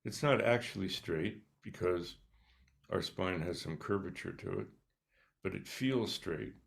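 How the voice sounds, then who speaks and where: A man leading a guided meditation, speaking softly and calmly with long pauses between short instructions. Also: low-pitched, gravelly. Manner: slow, calm, soft-spoken instructions with pauses. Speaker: meditation teacher.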